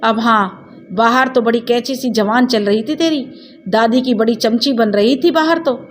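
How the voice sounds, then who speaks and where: Woman doing a resentful, hot-tempered mother, sharp scolding delivery, slightly raised pitch. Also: unhurried, slight background noise, natural voice. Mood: furious. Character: short-tempered young mother, harsh and resentful.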